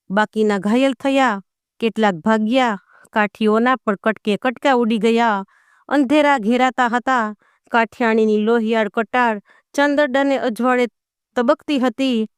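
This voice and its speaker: A woman's voice: fairly high pitch, smooth, no room sound, clean studio sound. A woman narrating a folk tale in a dramatic storytelling manner, with rustic dialect in the characters' speech.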